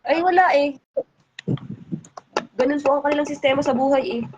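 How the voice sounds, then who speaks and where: A woman's voice: high-pitched, highs cut off, noisy background. A woman hosting a casual livestream chat, talking in an indignant, scolding way. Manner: indignant, scolding, talks fast. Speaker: livestream host.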